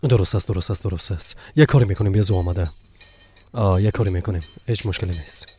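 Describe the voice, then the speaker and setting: Dub role: a conciliatory businessman, low husky voice. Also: dark tone, dry recording. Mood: placating.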